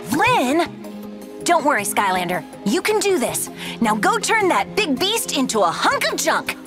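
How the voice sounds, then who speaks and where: An actress playing a spirited, encouraging young heroine in a video game. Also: female voice, sits high, big pitch swings, measured pace, music in the background.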